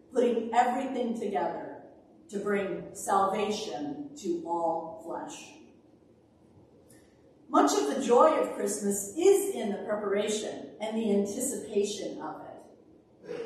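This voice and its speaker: A middle-aged woman minister reading scripture and preaching at a pulpit in a large church sanctuary, with measured, emphatic phrasing. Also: mid-range voice, a little mellow, slight background noise. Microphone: far camera, speaking at a pulpit. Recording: echoey church from a distance.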